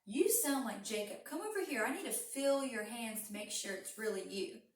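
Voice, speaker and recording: A woman's voice: on the high side, expressive, moderate pace, natural voice. A woman doing a confused old father. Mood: puzzled. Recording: roomy, from a distance.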